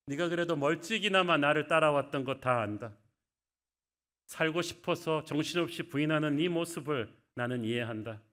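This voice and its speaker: A preacher voicing a gentle, forgiving man speaking tenderly to a friend who failed him. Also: mid-range voice, natural voice. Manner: tender, consoling.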